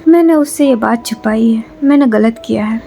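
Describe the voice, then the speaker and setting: A woman's voice: fairly high pitch, normal speed, gravelly, dark tone. A woman voicing a young man who pleads with and scolds those close to him, in a storybook reading. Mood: annoyed. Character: young man, apologetic, torn best friend.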